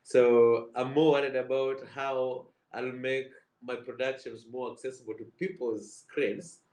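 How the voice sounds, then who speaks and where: Man from Kenya, theatre producer, mid-pitched, earnest, repeats words, roomy echo. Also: a little mellow. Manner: earnest, repeats words while searching for phrasing. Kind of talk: panel discussion.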